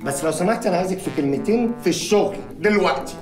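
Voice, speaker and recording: An actor playing a pompous, bossy company owner, blustering and teasing in an Egyptian accent. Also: male voice, high voice, expressive, racing. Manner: blustering, self-important, teasing. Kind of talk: comic film acting. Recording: film audio with room echo and music.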